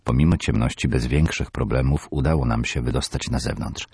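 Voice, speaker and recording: A man narrating a horror audiobook in the first person, measured and tense. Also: extremely low pitch, darkish tone, slightly rough, dry recording, studio quality.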